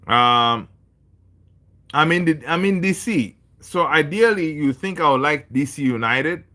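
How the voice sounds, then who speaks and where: A Tanzanian man hosts a casual football livestream, chatting with viewers in a laid-back, chummy way and reading their comments aloud. His mid-range voice comes across pushed and bright.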